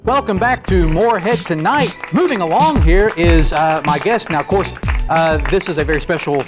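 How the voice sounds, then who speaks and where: A young man hosts a comedic late-night talk show in a high voice that swings up and down. He rambles goofily from one bit to the next. Faint music plays behind him. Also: expressive, normal speed. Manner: goofy, rambling, jumps between bits.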